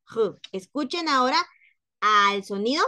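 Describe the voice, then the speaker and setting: A woman's voice: fairly high pitch, animated, pushed and bright, no echo. Patient woman teaching French sounds. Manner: patient, repeats sounds slowly to demonstrate. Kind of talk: online phonetics lesson.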